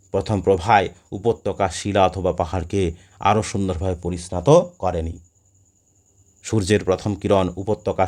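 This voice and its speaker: A man's voice: deep voice, darkish tone. A man teaching a poem with a Bengali accent, asking questions and then answering them himself, often restarting words. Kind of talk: poetry lesson explanation.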